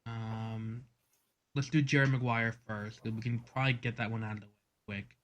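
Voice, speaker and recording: A man's voice: medium pitch, level tone, normal speed, a bit bright. A man co-hosting a casual movie podcast, rambling with many ums and getting exasperated. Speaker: podcast co-host. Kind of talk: casual chat.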